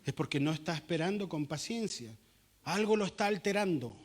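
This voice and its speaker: A Chilean male pastor preaching a sermon with lively acted-out quotes. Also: a little high, a little fast.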